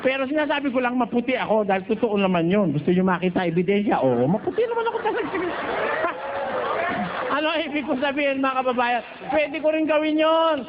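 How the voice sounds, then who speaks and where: High-voiced joking preacher, lo-fi. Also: male voice, a crowd in the background. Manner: jokey, teasing, breaks into slow chanted singing. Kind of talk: Bible study sermon. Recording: dull lo-fi recording with faint noise.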